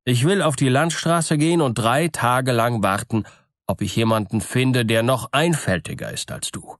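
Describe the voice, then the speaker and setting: A man voicing a short-tempered, crafty peasant farmer in a fairy tale, lower than his narration. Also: moderate pace, no echo, clean studio sound, natural voice. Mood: gruff.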